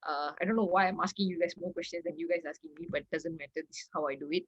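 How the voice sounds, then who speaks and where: A woman's voice: lowish voice, very fast, no echo, dull audio. A woman hosting an online workshop over a video call, chatty and laughing often. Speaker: workshop facilitator.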